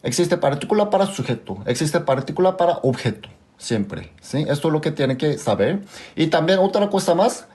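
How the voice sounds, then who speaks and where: A man's voice: a little high, animated, normal speed, darkish tone. A man with a Korean accent teaching a language class, who patiently repeats examples and keeps asking his students if they understood. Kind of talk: live class explanation.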